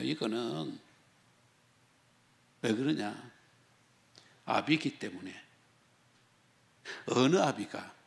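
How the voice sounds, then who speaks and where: A male pastor delivers a sermon in a strongly gravelly voice that sits a little high. He keeps firing rhetorical questions at his congregation and slips into first-person pleading to act out the story, his pitch swinging widely as he does. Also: fairly bright tone. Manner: emphatic, asks rhetorical questions. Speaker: senior pastor.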